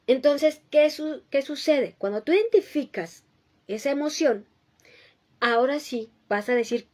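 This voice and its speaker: A woman with a voice pitched a little above the usual hosts a talk on emotional maturity. She explains patiently and step by step, often pausing for a quick rhetorical check-in, and repeats her key points so they stick. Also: darkish tone. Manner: teacherly, checks in with a frequent rhetorical "¿sí?". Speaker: host giving emotional-health advice. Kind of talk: explanatory talk answering viewers.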